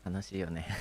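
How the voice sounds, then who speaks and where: A man's voice: on the low side, fairly bright tone. A man with a Kansai Japanese accent chatting casually on a stream, hesitant and full of fillers, laughing often.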